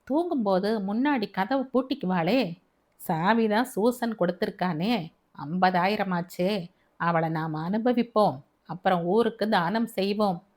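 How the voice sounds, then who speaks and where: A woman's voice: mid-range voice, a little slow, a little mellow, close to an everyday voice. Woman reading as drunk men plotting crudely. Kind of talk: audiobook narration.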